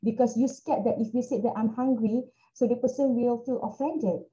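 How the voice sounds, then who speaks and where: A woman's voice: fairly high pitch, brisk, warm tone, highs cut off. A woman with a Malaysian English accent giving a chatty online webinar lecture, full of "you know" fillers, over a computer video call. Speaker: guest lecturer.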